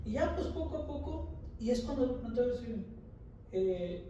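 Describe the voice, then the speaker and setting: A man with a high, mellow voice recounts his cases as a doctor in a casual, storytelling way, acting out the people in them. He sounds set back from the microphone in a very echoey room, with faint background noise. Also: animated, normal speed, recorded from a distance. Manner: acts out quoted dialogue in the stories.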